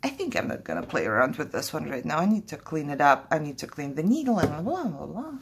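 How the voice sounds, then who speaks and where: Background noise runs under this low-pitched female crafting vlogger, who speaks quickly and with lots of animation. Originally from Kazakhstan with Russian as her native tongue, she presents in English, chattering nervously and laughing often.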